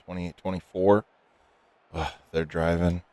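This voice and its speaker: A man's voice: sits low, measured pace, no echo. A middle-aged man who is losing his voice, casually talking through a football video game with many fillers. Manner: relaxed, rambling, with many fillers. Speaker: gaming channel host. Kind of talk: casual gameplay commentary.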